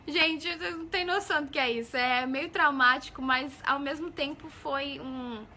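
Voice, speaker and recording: Bright, high-voiced Brazilian woman live-streaming. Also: normal speed, slight background noise. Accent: Brazilian Portuguese. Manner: chatty, greets viewers by name, keeps asking "entendeu?". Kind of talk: casual live-stream chat.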